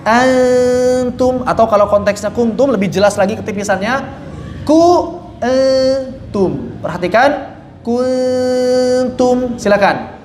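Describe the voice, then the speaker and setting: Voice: mid-range voice, expressive, a little slow, darkish tone. A Quran recitation teacher giving a classroom lesson, explaining step by step, demonstrating sounds, asking and answering their own questions and firmly correcting mistakes. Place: room with a class repeating after the teacher. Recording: echoey room, faint background noise.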